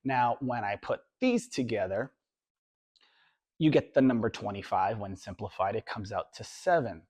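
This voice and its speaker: A man with a hoarse, recovering voice, teaching a class in a conversational lecture style and often checking in with "right?". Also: on the low side, darkish tone. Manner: conversational, tag questions, drawn-out emphasis.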